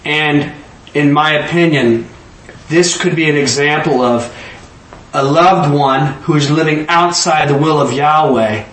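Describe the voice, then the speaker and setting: A man teaching an informal bible lesson in an animated way, often slipping into voices. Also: fairly high pitch. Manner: animated, jumps into acted-out voices. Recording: roomy echo from a distant mic.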